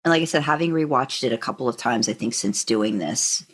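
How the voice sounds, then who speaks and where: A podcast co-host who narrates for a living speaks in a very deep, husky, expressive voice, a little on the fast side. In this casual fan discussion she talks through her opinions conversationally, sprinkling in hedging asides.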